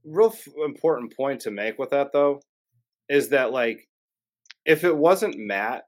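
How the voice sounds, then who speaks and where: A man's voice: medium pitch, animated, unhurried, slight background noise. A man, a filmmaker guest, telling a story in casual chat and acting out his own quotes.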